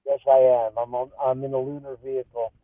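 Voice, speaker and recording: A man talking as a remote guest on a political chat show, halting with many restarts, over a garbled, breaking-up line. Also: mid-range voice, little pitch movement, no echo. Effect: breaking-up, garbled remote audio line. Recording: tinny, distorted remote call line.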